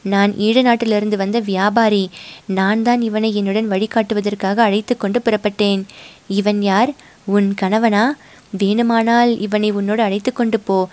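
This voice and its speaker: Woman reading a calm disguised young prince. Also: mid-range voice, measured pace, close to an everyday voice.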